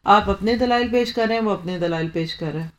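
Woman, parenting talk, homely examples, mixes in English phrases. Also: mid-range voice. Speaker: parenting speaker.

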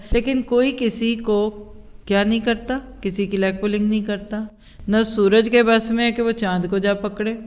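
A woman giving an earnest religious lecture, asking her listeners rhetorical questions. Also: mid-range voice. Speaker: religious teacher. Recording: lo-fi sound in a reverberant hall.

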